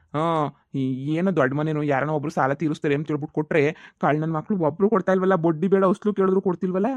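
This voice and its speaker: A man voicing a pushy, foul-mouthed moneylender in a cartoon comedy, shouting and threatening. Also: fairly high pitch, steady tone, fast talker, no echo, natural voice. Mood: demanding.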